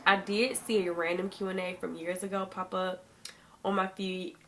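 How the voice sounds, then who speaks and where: A woman in her thirties vlogs to camera, chatting casually and calling her viewers "y'all" while her throat is still a bit sore from an illness she's recovering from. Her voice is low-ish and flat at a moderate pace, and the audio is poor with slight background noise.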